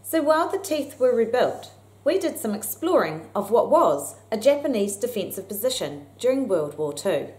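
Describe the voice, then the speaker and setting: A woman reading an even, informative voice-over for a sailing vlog. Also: a little high, moderate pace. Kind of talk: scripted voice-over narration.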